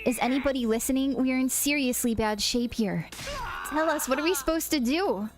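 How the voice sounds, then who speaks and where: A woman's voice: high voice, brisk, over music, lightly acted. A woman reading as a desperate young man pleading. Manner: pleading, shouting questions.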